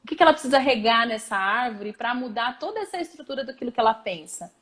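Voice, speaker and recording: A woman's voice: a little high, animated, quick pace, fairly bright tone. A woman therapist with a Brazilian accent, talking in a casual panel conversation, emphatic and full of rhetorical questions. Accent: Brazilian Portuguese. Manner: emphatic, repeats key phrases, asks rhetorical questions. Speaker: therapist and host.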